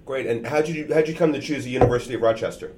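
A man hosting an interview, reading a short introduction and then asking polite, measured questions. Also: mid-range voice, background noise. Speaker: interview host.

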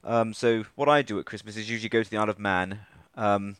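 Man, fairly low voice, wry and relaxed, casual podcast chat, dry close sound. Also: fast, clear, resonant tone, dry recording. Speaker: podcast guest.

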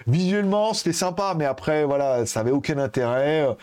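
Male host, fairly high voice, casual rambling commentary full of fillers. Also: a little fast, a little mellow, smooth. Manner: rambling, lots of hesitations and fillers, swearing, laughs often. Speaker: tech news show host. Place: at home in Asia.

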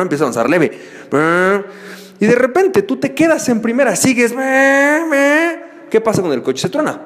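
A man's voice: on the high side, in a large hall. A man hosting a solo podcast, telling a playful story and acting out voices along the way. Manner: playful storyteller, acts out friends shouting. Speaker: podcast host. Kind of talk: animated solo podcast talk.

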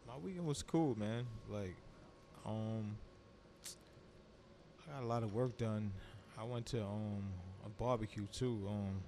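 A man's voice: on the low side, measured pace, mellow, slight background noise. A man, a DJ on a podcast, talking in a laid-back, mumbly way with many fillers. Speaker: DJ guest. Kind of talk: casual podcast chat.

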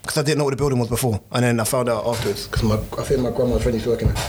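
A man's voice: medium pitch, fairly even intonation, very fast, background noise. A man with an urban London roadman accent, bantering casually in blunt, teasing slang. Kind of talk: casual banter among friends.

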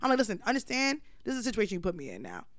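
A woman's voice: medium pitch, huge pitch swings, very fast, no echo. A young woman in her twenties co-hosting a podcast, telling a story in casual chat and acting out the dialogue, blunt and profane.

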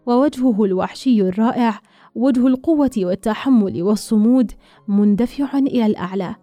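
Mellow-voiced woman narrating a story. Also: on the high side, no room sound, faint music behind. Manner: measured, literary storytelling.

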